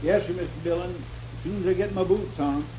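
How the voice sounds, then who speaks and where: Man acting meek folksy frontier deputy, mellow voice, muffled old radio broadcast. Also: high voice, fairly quick, slight background noise, close to an everyday voice. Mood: earnest. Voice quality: deferential, folksy. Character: meek, eager-to-please male frontier deputy. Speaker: marshal's deputy. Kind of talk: 1950s radio drama acting.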